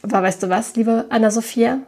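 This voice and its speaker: A woman's voice: on the high side, fairly even intonation, brisk, a little mellow, slightly rough. Woman reading a charming young confectioner. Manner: teasing, lightly boastful.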